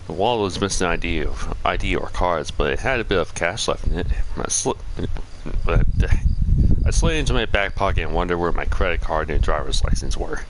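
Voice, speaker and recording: Casting: male game streamer, very low voice, halting read-aloud delivery mixed with casual commentary, some background noise. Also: lively intonation. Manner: halting, often repeats and rereads phrases. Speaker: video game live streamer. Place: at home. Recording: noisy home stream microphone.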